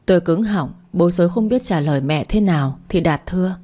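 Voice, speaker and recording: A woman narrating a first-person family story in a steady, plaintive way. Her voice is low and mellow, with a soft, warm tone. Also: a little fast, breathy edge.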